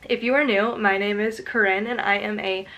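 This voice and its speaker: A woman's voice: medium pitch, fairly even intonation, a little fast, sharp tone. A young woman talking casually through a makeup tutorial vlog, her voice stuffy and nasal from a cold, with many "um" fillers. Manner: chatty with frequent "um" fillers. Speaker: fashion and lifestyle content creator.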